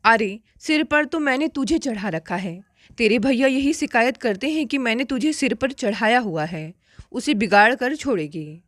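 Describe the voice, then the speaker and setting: A woman's voice: fairly high pitch, lively intonation, moderate pace, a bit bright, dry recording, clean studio sound. A woman voicing a loving, teasing middle-aged sister-in-law who scolds with affection in a storybook tale. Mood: fretful, fond.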